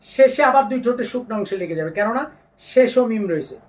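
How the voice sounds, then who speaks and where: A man teaching Quran pronunciation, patiently explaining each letter and drawing out the sounds slowly. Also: very high voice, expressive, distant mic. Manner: slow drawn-out demonstrations of letter sounds, patient instructions. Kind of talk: step-by-step pronunciation lesson.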